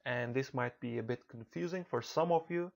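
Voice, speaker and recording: A Turkish man with a Turkish accent records a lecture for an online college course, narrating a slideshow into a computer mic. His middle-range voice has a gravelly edge, and he speaks carefully and deliberately, sometimes restarting a phrase.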